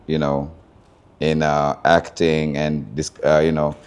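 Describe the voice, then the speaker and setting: Deep-voiced Kenyan man, thoughtful and pausing. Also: completely flat delivery, clear, resonant tone. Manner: thoughtful, searching for words with many pauses and fillers. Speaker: interview guest, founder of a culture group. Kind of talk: reflective life-story interview.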